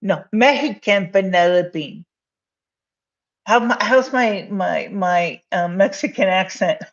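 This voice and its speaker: A medium-pitched woman in her fifties takes her time while hosting a casual cooking livestream from her home kitchen. Giggly and rambling, she leans on lots of fillers. The audio is dull and lo-fi, coming from a phone camera sitting on the counter.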